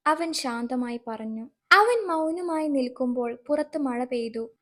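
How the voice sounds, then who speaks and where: A woman narrating a dramatic family story in a steady, scripted storytelling read. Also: sits high.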